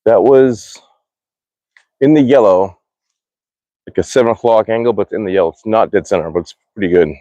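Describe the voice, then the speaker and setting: A man's voice: fairly low pitch, moderate pace, pauses often, dark tone, dry recording, muffled recording. A man live-streaming from his backyard archery range, chatting casually, answering viewer comments aloud and muttering curses after bad shots. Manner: rambling, restarts often, answers chat comments aloud. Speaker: archery livestreamer. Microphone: phone live-stream.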